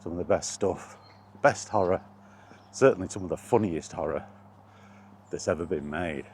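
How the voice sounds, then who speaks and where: A British video blogger rambles through a casual chat, blunt, opinionated and mildly sweary. His voice sits low and a little mellow at a normal pace, with slight hiss or hum.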